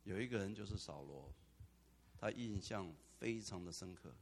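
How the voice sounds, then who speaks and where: A man preaching a sermon as pastor, animated, with dramatic asides. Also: sits low, normal speed, creaky, slight background noise. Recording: long hall reverb.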